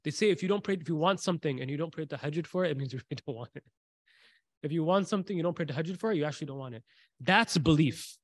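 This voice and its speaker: Guy teaching a faith class, talks quick, bit high voice, repeats lines for punch, dry sound. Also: no room sound. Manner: repeats key phrases for emphasis, asks the audience questions; recites short Arabic passages among English talk. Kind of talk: faith class talk with storytelling.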